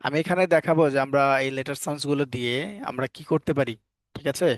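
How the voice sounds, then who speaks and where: A man's voice: medium pitch, quick pace, no room sound. A man teaching a live online English phonics class, asking the students questions over and over and scolding them firmly at times.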